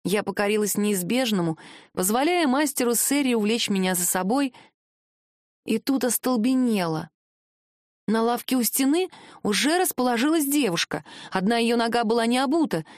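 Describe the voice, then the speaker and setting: A woman's voice: on the high side, animated, normal speed, a little mellow, dry recording. Woman reading a novel, dry close mic. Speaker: audiobook narrator. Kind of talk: scripted first-person narration.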